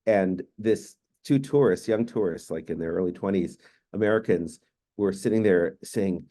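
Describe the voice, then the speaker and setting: Over a video call, a man in his fifties whose first language is Hungarian moderates a panel discussion in a low voice. His stories come out steady and laid-back.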